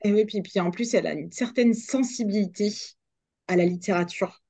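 A woman's voice: medium pitch, normal speed, gravelly, warm tone, no room sound. A young woman, a radio journalist, chatting as a guest in a podcast interview, hesitant with many fillers and restarts.

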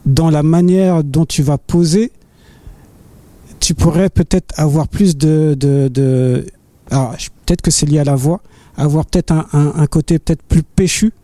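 A man hosting an interview, asking long questions in a halting way, searching for words and repeating himself. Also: a little high, mellow, no echo. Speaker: interviewer, host.

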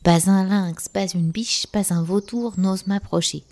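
A woman voicing a proud, boastful male bear in a children's storybook, speaking in loud, indignant exclamations. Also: mid-range voice, fairly even intonation, measured pace, close to an everyday voice. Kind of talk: storybook voice acting.

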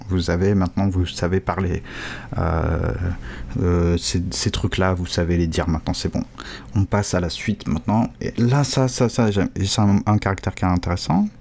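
A man giving a casual language lesson, talking in a halting way with many restarts and bits of slang. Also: sits low, gravelly, a little mellow, slight background noise. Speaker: Chinese language teacher.

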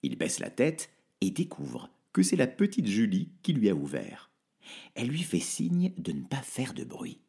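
Narrateur au ton très animé. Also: male voice, mid-range voice, measured pace, creaky, slightly rough. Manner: lively, expressive. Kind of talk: audiobook narration.

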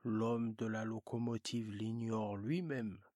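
A man playing a matter-of-fact, weary railway switchman in a storybook, calm and plain. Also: on the low side, slow, no echo, studio quality.

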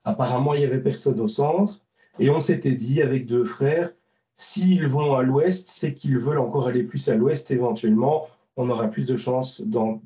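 A man's voice: mid-range voice, warm tone, highs cut off. Hesitant man, roomy distant sound. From Belgium. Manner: hesitant, many fillers and restarts. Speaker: volunteer driver recounting trip. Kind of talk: interview answers, recounting.

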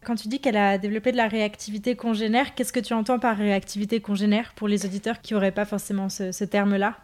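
A woman hosting a podcast, reading a measured introduction and then interviewing a guest. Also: mid-range voice, flat delivery, a little mellow. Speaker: podcast host.

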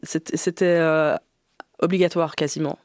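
Intervieweur homme, posé, voix un peu haute, son sec. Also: male voice, a little high, little pitch movement, darkish tone, no echo, clean studio sound. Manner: measured, reads quotes, brief acknowledgements. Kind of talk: radio interview.

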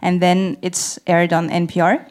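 A woman's voice: fairly low pitch, level tone, unhurried. A French woman speaking English with a French accent, conducting a prepared interview on stage and laughing easily. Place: event stage before an audience.

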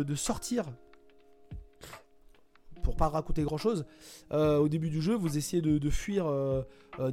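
A man with a fairly high-pitched but dark-toned voice reviews a video game, talking casually at his computer at home. He sounds hesitant, full of fillers and restarts.

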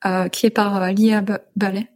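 A woman's voice: mid-range voice, flat delivery, moderate pace, darkish tone. A woman guest in a casual interview, speaking hesitantly with many filler sounds.

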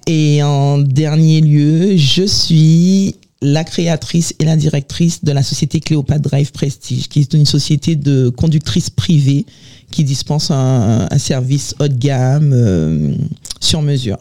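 Une femme de quarante et quelques années, originaire de Guadeloupe, invitée dans un studio de radio, qui se présente d'un ton vif en riant souvent. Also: female voice, deep voice, slow pace. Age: 40s. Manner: lively, laughs often, lists her activities. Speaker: radio guest. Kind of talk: casual radio chat.

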